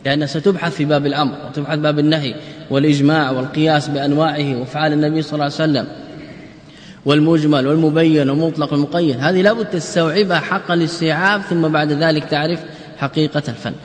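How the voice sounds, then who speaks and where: A man's voice: a little high, steady tone, racing, a little hiss or hum. Man lecturing in an echoey hall. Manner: questions the students and answers himself; repeats words and restarts while explaining. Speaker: Islamic scholar teaching a class. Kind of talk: classroom lecture on jurisprudence and grammar.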